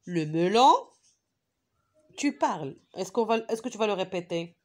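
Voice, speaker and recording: A woman giving a child a home reading lesson, speaking slowly and clearly with patient encouragement. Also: mid-range voice, lively intonation, a little mellow. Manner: slow, carefully enunciated, encouraging.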